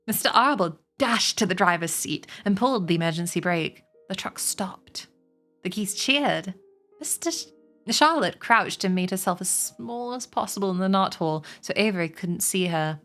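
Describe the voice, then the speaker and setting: A woman reading a children's novel aloud on a stream, slowing and lifting her voice for the characters' lines. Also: mid-range voice, animated, fairly bright tone, faint music behind. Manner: slows and lifts her voice for quoted characters.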